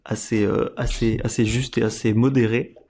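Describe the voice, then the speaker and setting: A man hosting a podcast, talking in a casual, measured way and giving his listeners direct advice. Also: lowish voice, level tone, creaky, a little mellow. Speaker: podcast host.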